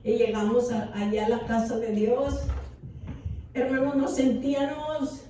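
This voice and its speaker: A high-pitched woman pastor preaches a testimony sermon with passion, repeating her words again and again for weight. Her voice rings through a large echoing church and is heard from a distance, far from the microphone. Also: little pitch movement, a little slow, dark tone, a little hiss or hum. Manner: impassioned, repeats words for emphasis. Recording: echoey hall from far off.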